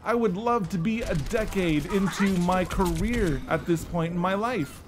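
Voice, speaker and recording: A man in his thirties, speaking in a high-pitched, unhurried voice over background noise, delivers a casual back-in-my-day rant. He sounds weary yet earnest, repeating himself to stress his points.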